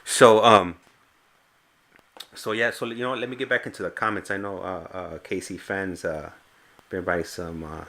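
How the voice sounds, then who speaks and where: A man's voice: low-pitched, fairly bright tone. A man hosting a casual live stream, hesitant and often stammering over repeated words. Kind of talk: casual chat.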